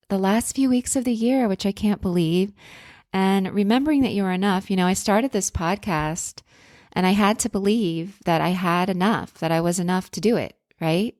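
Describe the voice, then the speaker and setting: A woman's voice: fairly low pitch, darkish tone, no echo, studio quality. A woman hosting a podcast in a self-help influencer style, speaking casually and earnestly with spiritual encouragement and affirmations.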